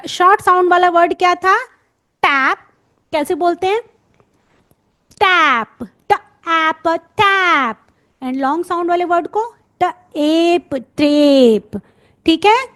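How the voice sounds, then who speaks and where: An Indian woman teaching phonics, sounding letters out slowly and quizzing the listener as she goes. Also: extremely high pitch, a bit bright. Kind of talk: lesson for parents and teachers.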